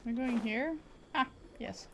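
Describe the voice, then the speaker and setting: Taking things slowly in a slightly high voice, a woman streams a game and chats casually over it, toying with words in a cutesy, playful way. Faint background noise and game ambience can be heard.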